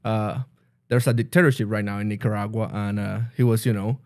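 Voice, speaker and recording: A man from the Dominican Republic, a pastor and guest, talking earnestly in a halting way with many restarts. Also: lowish voice, steady tone, a little mellow, dry recording, clean studio sound. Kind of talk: casual interview.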